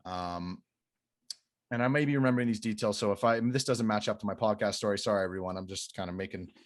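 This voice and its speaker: A man's voice: lowish voice, fast. Man telling a rowdy story. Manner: animated, swears freely, acts out quotes with raised voice. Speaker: podcast guest, goalie coach. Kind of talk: casual podcast storytelling.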